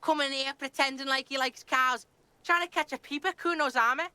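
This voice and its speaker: A woman's voice: high voice, fairly quick, sharp tone, dry recording. Woman doing a foul-mouthed hostile boy. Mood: belligerent. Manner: swears constantly, talks about himself in third person. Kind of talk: video game dialogue.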